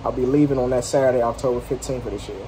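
A man's voice: medium pitch, steady tone, racing, mellow, slight background noise. A man running a junk removal business, talking loosely to camera outdoors at a house, with lots of fillers and slang. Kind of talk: casual vlog talk to camera.

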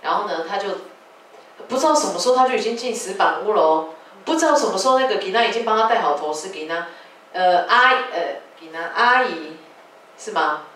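A woman who directs a dance company gives a public talk, telling stories in a lively, animated way. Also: mid-range voice, brisk. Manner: lively storytelling, animated retellings of quarrels. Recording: echoey hall from far off, faint noise.

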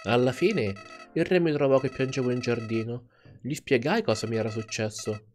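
A man reading aloud the lines of a sad talking flower with a lost boy's soul, in a quiet storytelling way for a video game. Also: medium pitch, moderate pace, faint music behind, natural voice. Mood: wistful.

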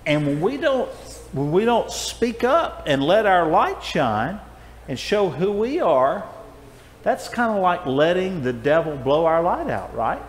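With a high, sing-song voice and a measured pace, an older man teaches kids about the Bible, gently coaxing them and naming them one by one. The far-off camera in the church auditorium picks up echo and a little background noise.

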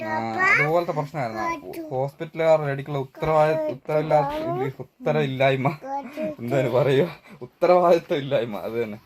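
A family vlogger talks casually to his viewers at home, partly outdoors, rambling and hunting for words. His voice is medium-pitched, and the background is noisy.

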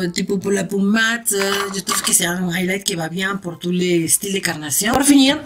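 A woman's voice: medium pitch, a little hiss or hum. Chatty woman with a Spanish accent. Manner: chatty and playful, with cheerful exclamations. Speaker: beauty vlogger. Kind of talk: makeup tutorial.

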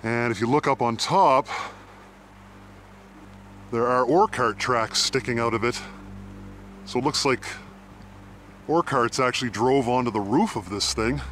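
This Canadian host of a mine exploration vlog talks in an easygoing, unscripted way as he carries the camera, moving between a small mine tunnel and the outdoor woods. He speaks at a measured pace with many pauses, in a medium-pitched, slightly bright voice over slight background noise.

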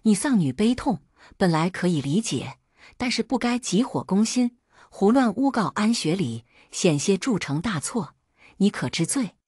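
A woman's voice: mid-range voice, sing-song, moderate pace, a little mellow, breathy edge, no echo, studio quality. A woman voicing a stern male magistrate who hands down judgments in a commanding, lecturing way.

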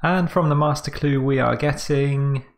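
An echoey, cave-like room surrounds this man's voice. He has a creaky, fry-edged tone at an ordinary male pitch. He talks through his gaming progress in a conversational, understated way, as a creator doing casual commentary. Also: fairly even intonation, unhurried. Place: sparsely furnished room at home.

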